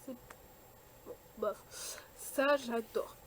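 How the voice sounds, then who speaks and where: A young woman talks through a shopping haul in a loose, chatty way, stopping and restarting often and judging each item on the spot. Her voice sits a little high. A faint hiss of noise runs under the recording. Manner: chatty, many fillers and restarts, quick likes and dislikes. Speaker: vlogger showing a shopping haul. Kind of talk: casual chat.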